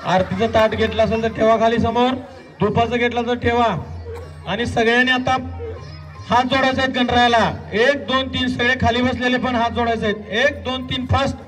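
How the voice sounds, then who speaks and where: High-voiced man giving hypnosis commands. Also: little pitch movement, normal speed, fairly bright tone, distant mic, faint music behind. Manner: commanding, counts aloud, repeats short orders. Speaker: stage hypnotist. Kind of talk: hypnosis show instructions to a crowd.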